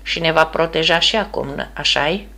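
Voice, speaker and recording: A woman voices an anxious young fiancé in an audiobook, gentle and unsure of himself. The voice is low and gravelly, quiet and hesitant. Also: heavily acted. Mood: uneasy.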